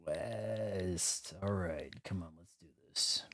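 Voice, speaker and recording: Game music accompanies a streamer's casual, meandering let's play commentary as he talks to himself mid-game. He speaks slowly in a low-pitched voice that's a bit bright.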